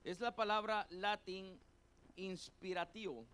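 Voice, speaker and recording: A middle-aged male pastor preaching a sermon, leading the congregation to repeat terms after him and repeating his points slowly. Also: high voice, steady tone, bright, forceful tone, a little hiss or hum. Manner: call-and-response teaching, has the congregation repeat terms; spells out words letter by letter and repeats points slowly.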